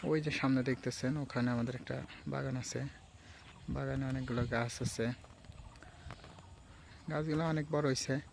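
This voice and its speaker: A man's voice: medium pitch, moderate pace, creaky, pauses often, slight background noise. A young man from Sirajganj, Bangladesh, with a Sirajganj regional accent, chatting casually and ramblingly outdoors by rice fields. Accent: Sirajganj regional Bengali. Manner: relaxed, rambling, mixes regional and standard speech. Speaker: vlogger. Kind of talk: casual outdoor vlog chat.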